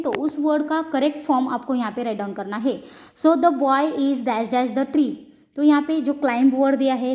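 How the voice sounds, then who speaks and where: A woman teaching a lesson, reading slowly, spelling out words and explaining quickly in Hindi. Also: high voice, a little mellow. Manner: slow and careful in English, quick in Hindi, spells words letter by letter.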